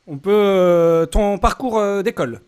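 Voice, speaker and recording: A man's voice: high voice, measured pace, darkish tone, smooth. A man in his thirties hosting a live-streamed interview in a casual, joking, playfully teasing way. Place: indoors in a streaming room.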